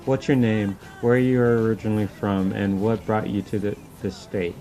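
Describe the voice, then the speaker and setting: A man hosts the video and reads out interview questions in a plain, scripted way. His voice is fairly low and mellow. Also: flat delivery, moderate pace, rough recording.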